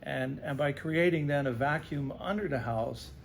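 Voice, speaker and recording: A man with a gravelly, slightly high voice talks at a normal speed as a radon remediation specialist in an interview. He breaks things down simply and keeps checking in with "right?".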